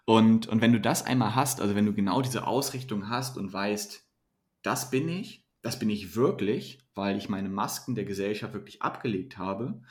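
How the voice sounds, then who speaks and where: A man's voice: on the low side, moderate pace. A man, a mentoring coach, giving earnest, motivational answers in a podcast interview, often restarting his sentences.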